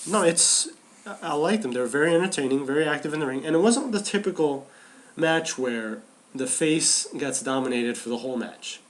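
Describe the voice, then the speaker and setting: This podcast co-host has a fairly high, animated voice and a moderate pace. He discusses wrestling casually and with energy, often starting over and repeating phrases.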